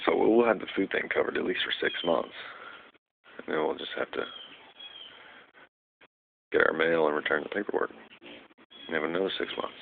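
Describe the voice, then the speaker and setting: Young man, casual rambling vlogger, deep fry-heavy voice, tinny phone audio. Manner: rambling, loses track, many fillers. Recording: tinny phone recording with faint noise.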